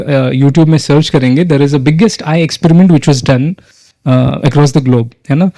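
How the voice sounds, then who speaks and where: A man with a fairly high, mellow voice and no echo facilitates a live workshop, leading a group exercise. He engages the audience with frequent questions and mixes in English phrases.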